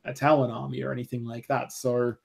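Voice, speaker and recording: A man's voice: mid-range voice, flat delivery, brisk, gravelly. A man co-hosting a podcast in casual chat, rambling with lots of fillers and casual swearing. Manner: rambling, full of "like" and "you know", swears freely. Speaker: podcast co-host.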